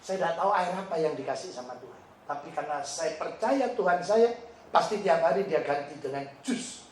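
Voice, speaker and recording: A middle-aged male pastor, preaching a humorous sermon as an animated storyteller who laughs often. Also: on the high side, fairly quick, slight background noise. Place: large hotel function hall. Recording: echoey hall, mic at a distance.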